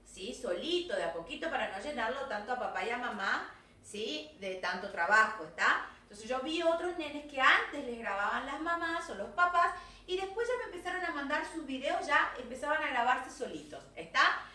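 Argentine woman, primary English teacher, high and animated voice, bilingual coaxing delivery, recorded off-mic. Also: normal speed, echoey room, distant mic. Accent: Argentine Spanish. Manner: switches between Spanish and English, coaxing with constant "¿sí?" and "¿ok?". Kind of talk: recorded class feedback to young pupils.

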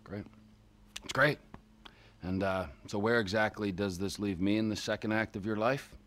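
An actor playing a volatile, profane middle-aged criminal in a video game cutscene, swinging from manic glee to screaming menace. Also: male voice, fairly low pitch, fairly even intonation, moderate pace, a bit bright, natural voice. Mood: bitter. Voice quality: gravelly. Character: volatile, unhinged middle-aged male criminal, explosive temper. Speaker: career criminal.

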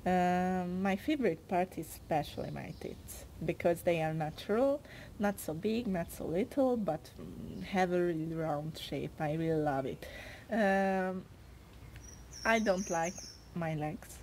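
In casual interview answers, a young woman in her twenties speaks English, her second language, with a Hungarian accent, softly and hesitantly, often pausing, using fillers and searching for words. Her voice is fairly low for a woman, her intonation lively, and her pace unhurried and drawn out, with faint noise running behind her.

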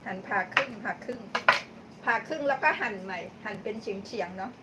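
Cooking on a livestream, this host talks casually with her audience, laughs a lot, and thanks viewers by name. She speaks fairly quickly in a mid-range voice, and the distant microphone captures noticeable background noise.

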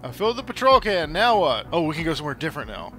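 A man in his thirties chats through a video game as he plays. His delivery is casual, with a bright tone and a very mobile pitch. Soft game music runs behind him. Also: sing-song, very fast. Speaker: gaming video host. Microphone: headset.

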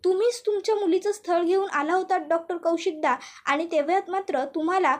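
A woman's voice: very high-pitched, fairly quick. A woman voicing an indignant middle-aged mother who accuses a father of changing his mind, in a serial recap. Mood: accusing.

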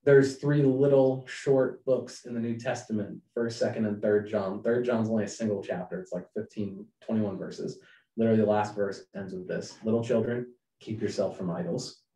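A man presenting a leadership webinar as its host, lively and earnest, often acting out quotes in a raised voice. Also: lowish voice, moderate pace, reverberant, distant mic, poor audio. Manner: animated, acts out quotes in raised voice. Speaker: webinar presenter, company founder.

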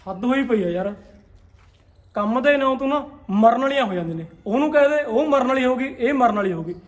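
Brief: man as an impatient farmer husband, high quick voice. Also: lively intonation. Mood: exasperated. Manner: exasperated, lectures and pushes the women to hurry. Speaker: elder brother and farmer of the house. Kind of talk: comedy skit acting.

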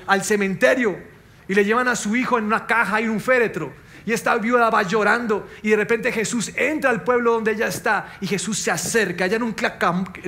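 High-voiced pastor preaching. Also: male voice, bright, forceful tone. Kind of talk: sermon.

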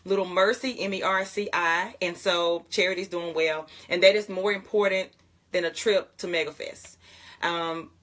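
Chatty woman pastor, lower voice. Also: steady tone, moderate pace, a bit bright. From Jackson, Mississippi. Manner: chatty, laughs often, addresses viewers as y'all. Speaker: pastor hosting a morning prayer livestream. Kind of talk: casual morning livestream talk with prayer. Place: home closet.

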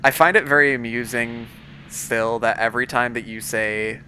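A man's voice: mid-range voice, fairly even intonation, moderate pace, pushed and bright, faint music behind. A man giving chatty live-stream commentary while playing a video game, talking to his viewers and his pet between moments of play.

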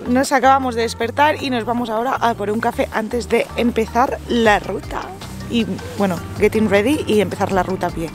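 Travel vlogger, woman in her 30s, bright high voice, selfie-style outdoors, soft music behind. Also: brisk. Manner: lively, laughing, chatty. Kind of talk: casual chat to camera. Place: outdoors at a sunny campsite. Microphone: on-camera mic, selfie framing.

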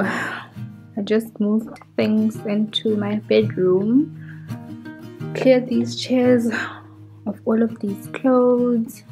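A young woman talking casually in a vlog from her bedroom, explaining each step in a relaxed way. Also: mid-range voice. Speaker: vlogger. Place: small home bedroom, indoors. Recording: roomy indoor sound. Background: music playing behind.

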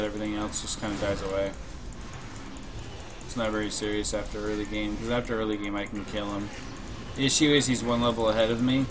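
A young man giving casual live game commentary in a laid-back, musing way, swearing casually as he plays. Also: fairly low pitch. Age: young adult. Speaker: game streamer. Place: indoor room at a computer. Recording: noisy stream with keyboard clatter. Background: keyboard typing, game sounds.

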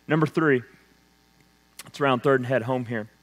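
A man preaching a sermon, swinging between loud emphasis and hushed intensity. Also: medium pitch, measured pace. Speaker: pastor. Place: church sanctuary. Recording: long church reverb.

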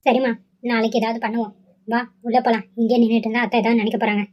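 A woman's voice: on the high side, level tone, rapid-fire, voice pushed down, natural voice. Woman voicing a sulky young fiancée. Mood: irritated. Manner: complaining, irritated. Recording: slightly dull lo-fi audio.

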